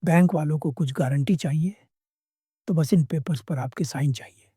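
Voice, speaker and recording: A man's voice: a little high, normal speed, warm tone, breathy edge, no room sound, clean studio sound. A man voicing a callous grown son who answers in a curt, dismissive way.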